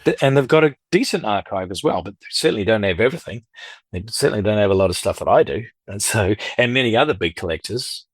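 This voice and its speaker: This podcast guest, a middle-aged record dealer and collector, has a husky, lowish voice with lively intonation and a quick pace. He wanders through long, casual anecdotes, quoting and acting out others' words, on a dry recording.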